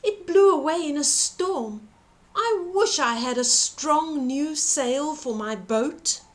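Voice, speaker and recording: A woman's voice: sits high, lively intonation, slow, pitched above the performer's own voice. A woman voicing an upset, wistful goat in a children's storybook. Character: upset goat boat-owner, bleating and wistful.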